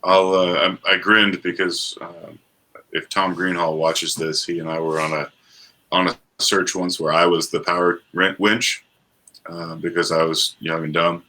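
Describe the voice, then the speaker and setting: A man's voice: deep voice, little pitch movement, unhurried, pushed and bright. A man interviewing a guest, asking questions and telling an easygoing story from a past search.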